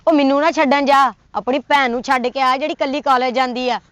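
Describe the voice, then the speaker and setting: A woman with a Punjabi accent acting a sharp-tongued, nagging wife in a comedy sketch. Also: sits high, fairly even intonation, a little fast, no echo. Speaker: comic actor as a scolding wife.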